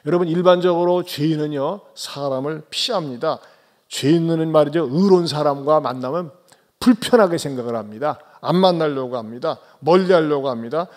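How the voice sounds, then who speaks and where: A man, a pastor, preaching a Sunday sermon. He questions the congregation directly and swings between soft, low asides and loud, raised exhortations. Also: normal speed.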